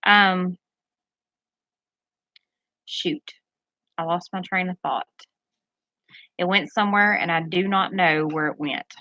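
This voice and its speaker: A woman's voice: lowish voice, slow, long pauses, sharp tone, no echo, dull audio. A woman chatting casually to her live-stream audience from her bedroom, a little nervous and rambling, often losing her train of thought. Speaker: tarot reader and streamer. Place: bedroom at home, pets nearby.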